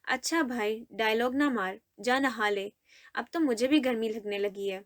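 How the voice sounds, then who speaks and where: A woman's voice: on the high side, natural voice. A woman voicing a playful young man, a student friend who teases his buddy. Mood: teasing. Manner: playful, teasing banter.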